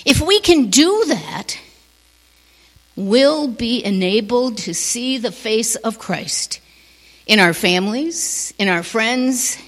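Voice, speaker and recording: A woman preacher telling a story in a gentle sermon, sometimes dropping to a near whisper, in a long church reverb. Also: fairly high pitch, lively intonation. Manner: slow, gentle, drops to a near whisper on key lines.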